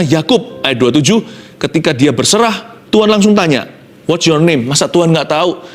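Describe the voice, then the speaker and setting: A man preaching a sermon with a fairly high voice, swinging between emphatic, rising lines and quiet, tearful-sounding pleas. He drops English phrases into his preaching. Soft music plays faintly underneath. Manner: dramatic preaching, acting out quotes with sudden drops to soft pleading. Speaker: pastor.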